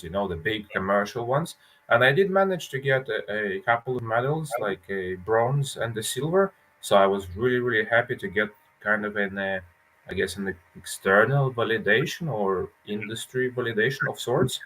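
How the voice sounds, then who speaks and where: A man's voice: fairly low pitch, fairly bright tone, poor audio. A man from Lithuania, a brewery founder, chatting casually and telling his story with self-mocking jokes over a call mic. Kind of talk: casual chat.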